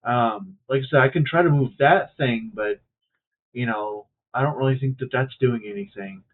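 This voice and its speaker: Through a tinny, tin-can-like mic, a man streams a wrestling video game and commentates casually, hesitant and musing, with lots of fillers. His voice sits in the mid range at a normal speed, carrying a slight hiss or hum.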